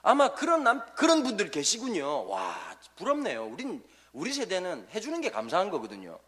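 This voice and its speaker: A male pastor preaching to church teachers in a humorous sermon, telling stories full of jokes and quick questions to the congregation. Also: sits high. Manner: animated storytelling with jokes and quick asides to the congregation.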